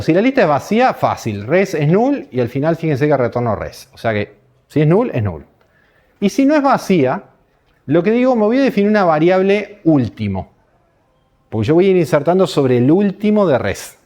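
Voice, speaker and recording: A man's voice: fairly high pitch, darkish tone. A man with a Rioplatense Spanish accent giving a university programming lecture, explaining step by step and asking the class rhetorical questions. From Uruguay. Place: lecture hall.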